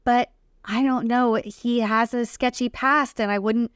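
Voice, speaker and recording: A woman with a smooth, clear and slightly high voice co-hosts a reality TV recap. She gives casual, opinionated commentary in slangy phrasing, with a dry, close sound. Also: steady tone, measured pace, dry recording. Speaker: podcast co-host recapping reality TV.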